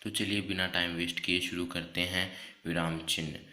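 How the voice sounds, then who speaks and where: A man giving a grammar lesson as a teacher, explaining terms and listing them in a steady, explanatory way. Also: low voice, normal speed, echoey room.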